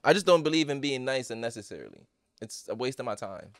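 A man's voice: medium pitch, animated, fast talker, no echo, clean studio sound. A man hosting a podcast, brash and joking, cursing freely. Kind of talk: casual podcast chat.

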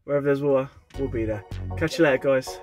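A man in his thirties wrapping up a fishing vlog in a chatty, relaxed way from inside a van, close to the camera. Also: mid-range voice, fast, music in the background. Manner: chatty, relaxed, casual with mild swearing. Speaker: fishing vlogger. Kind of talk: casual vlog sign-off. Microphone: camera held close, selfie framing.

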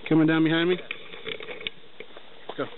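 His voice sits on the high side with little pitch movement, and he speaks at normal speed. The young hiker narrates his forest walk casually into a camera held at arm's length, loose and rambling. Expect tinny, lo-fi camera sound and faint background noise.

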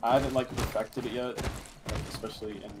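A man's voice: medium pitch, flat delivery, a little fast, background noise. A man on voice chat as a teammate in a shooter game, talking hesitantly with many fillers. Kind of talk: casual voice chat. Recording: loud game gunfire behind.

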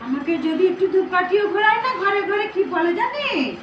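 Brief: woman as the goddess in trance, very high shrill voice, scolding devotees, echoey room, distant mic. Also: animated, normal speed, a bit bright, a little hiss or hum. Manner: scolding, commanding, addresses listeners as child. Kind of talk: trance-like divine address.

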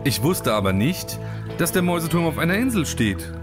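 A man voicing a small young female dice snake in an animated storybook film, talking in a chatty, storytelling way. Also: on the high side, brisk, over music.

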